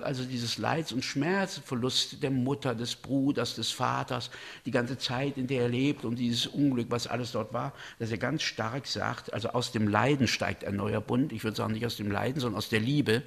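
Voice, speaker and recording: A man's voice: moderate pace, creaky, a bit bright, breathy edge. A man giving a thoughtful, explanatory talk on a religious drama, lifting his voice when he quotes. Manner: thoughtful, explanatory, voices quotations with raised pitch.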